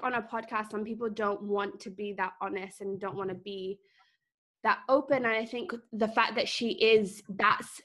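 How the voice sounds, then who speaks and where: A woman's voice: mid-range voice, a bit bright. A woman co-hosting a podcast, upbeat and chatty, introducing the guest. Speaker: podcast co-host. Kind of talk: casual podcast chat.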